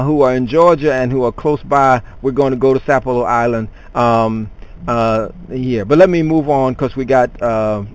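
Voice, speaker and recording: A man leads an online class, speaking loosely to his students. He talks off the cuff, often stalling on fillers and restarting his sentences. His pitch sits in the middle range for a man. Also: no room sound, low-quality recording. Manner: rambling, many fillers and restarts. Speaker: teacher.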